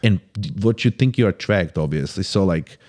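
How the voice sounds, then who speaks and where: Podcast guest, man, 30s: low voice, laid-back, calls everyone "bro", restarts mid-thought. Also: lively intonation, darkish tone. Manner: casual, sprinkles "bro" constantly; halting restarts while thinking. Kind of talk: casual podcast chat.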